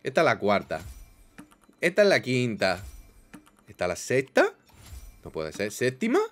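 A young man commenting casually on a game, swinging between mock despair and loud excitement. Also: mid-range voice, unhurried, soft background music. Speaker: gaming YouTuber.

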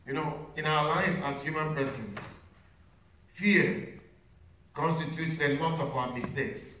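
A man's voice: fairly high pitch, a little slow, noisy background. A man, a priest, preaching a homily and putting questions to the congregation. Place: large reverberant church. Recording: very echoey church, distant mic.

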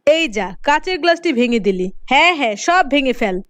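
A woman's voice: high-pitched, sing-song, normal speed, fairly bright tone, no echo. A sneering, scolding cartoon stepmother. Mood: scolding, spiteful. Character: cruel scolding stepmother, middle-aged woman. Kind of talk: cartoon voice acting.

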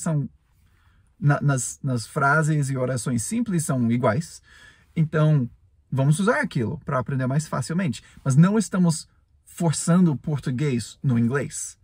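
Husky man, a native English speaker talking Portuguese. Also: fairly high pitch, dry recording. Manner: earnest, repetitive, with frequent tag questions and chuckles. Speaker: English teacher, podcast host. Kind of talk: casual spoken lesson.

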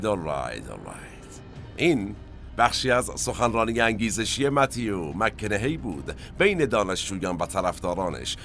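A man's voice: fairly low pitch, a bit bright. A man hosting a cinema history podcast, telling stories in a conversational way with asides to his listeners. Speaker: podcast host.

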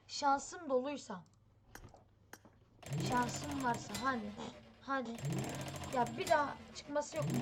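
A woman hosting a gaming channel, giving excited, impatient commentary on a mobile game. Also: high-pitched. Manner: excitable, impatient, chatty exclamations. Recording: steady background noise.

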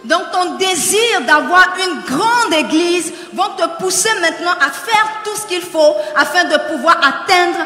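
Bright, fairly high-voiced male interpreter, live sermon interpretation, roomy hall with long reverb. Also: animated, faint music behind. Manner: quick, bright, repeats the preacher's lines. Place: large church hall.

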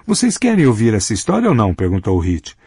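A man's voice: fairly low pitch, huge pitch swings, fast talker, darkish tone, breathy edge, no room sound, studio quality, full character voice. A male audiobook reader voicing a wisecracking grown man, a joker among old friends. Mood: joking. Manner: jokey, theatrical.

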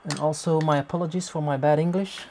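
A Belgian channel host in his thirties talks unscripted in Flemish-accented English while cleaning a running industrial shredder in his workshop, with machine noise and clatter behind him. His voice is on the high side, warm and fairly even, and he speaks haltingly, restarting phrases and searching for English words.

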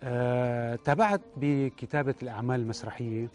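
A man with a Syrian Arabic accent, a playwright and theatre director, talking reflectively in an interview with many hesitant pauses. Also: mid-range voice, fairly even intonation, darkish tone, faint music behind.

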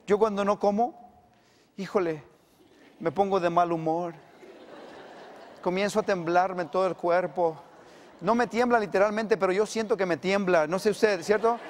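A middle-aged male pastor, preaching emphatically and swinging between loud and hushed delivery. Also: sits high, moderate pace, long pauses, in a large hall, slight background noise. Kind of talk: sermon.

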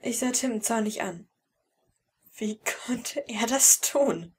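A woman's voice: a little high, takes it slowly, breathy edge. A woman reading a fan-fiction audiobook in first person, with emotional, tense storytelling. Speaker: audiobook reader.

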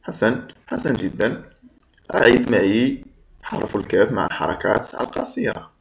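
A man teaching first-graders to read, sounding out syllables patiently and pausing for them to repeat. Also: on the low side, animated, vocal fry. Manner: patient, drawn-out, repeats sounds for pupils to echo. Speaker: primary school teacher. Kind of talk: slow syllable-by-syllable reading lesson. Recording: dull lo-fi recording.

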